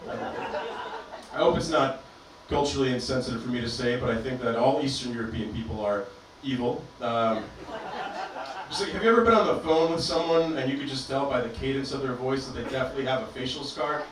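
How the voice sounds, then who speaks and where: A man from Albania doing a stand-up comedy set in a club with a deadpan, self-deprecating delivery. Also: mid-range voice, a little fast, heavy reverb, distant mic, noisy background. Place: comedy club stage, performing to a live audience.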